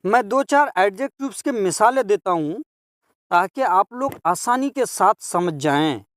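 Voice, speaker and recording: Slow, lively-voiced male grammar teacher. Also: high-pitched, dry recording, clean studio sound. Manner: drills word forms slowly, repeating each one; explains and translates for children. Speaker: English teacher. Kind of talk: grammar lesson.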